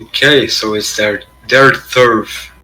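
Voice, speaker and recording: A man with a very bright, sharp tone chats as a player in a tabletop game. He is easygoing and laughs often, and his voice stays at a middle pitch. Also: steady tone, slow, soft background music, poor audio. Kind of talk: casual chat.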